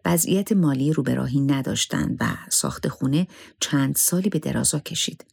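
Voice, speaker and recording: A man narrating a scripted story in a measured, solemn way, sometimes dropping to a hushed whisper. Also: medium pitch, lively intonation, creaky, breathy edge, dry recording.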